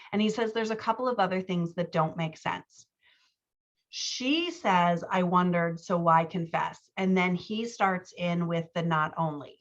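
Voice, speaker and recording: Through a muffled recording comes a woman's lowish voice as she critiques a manuscript conversationally. She is a writing coach and podcast host who explains, thinks aloud and keeps checking with "right?".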